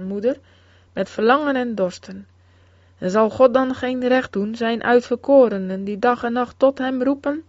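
A woman giving a solemn, measured scripted narration of a religious memoir. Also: a little high, darkish tone, no echo. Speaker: reader. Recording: dull, dry close recording.

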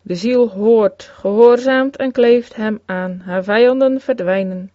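A woman reading an old-fashioned sermon aloud in a solemn, measured way with archaic phrasing. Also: a little high, dry recording. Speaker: sermon reader. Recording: dull, lo-fi recording, dry.

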